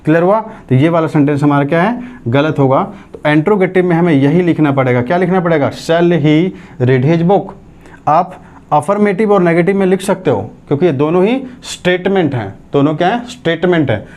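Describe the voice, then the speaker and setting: Man, grammar teacher, classroom lecture, higher voice, step-by-step explanations, checking questions. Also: expressive, brisk, a little mellow. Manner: dictates English sentences word by word.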